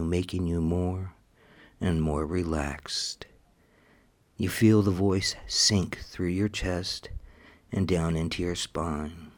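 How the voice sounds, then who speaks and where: Deep, slow, commanding male hypnotist. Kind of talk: scripted hypnosis session.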